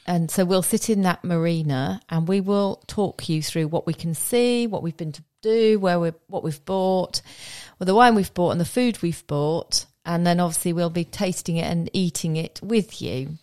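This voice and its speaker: A woman's voice: lowish voice, normal speed, few pauses, a little mellow. A woman, co-hosting a podcast in a chatty, practical way. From Oxfordshire, England. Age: 50s. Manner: chatty, practical, finishes his sentences. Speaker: podcast co-host. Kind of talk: casual chat.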